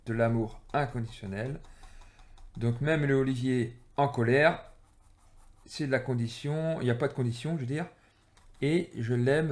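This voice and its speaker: Halting French-speaking man explaining as he draws. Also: medium pitch, darkish tone. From France. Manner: halting, many fillers and restarts. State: low-energy, irritated. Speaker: energy-healing teacher. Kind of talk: explaining while drawing.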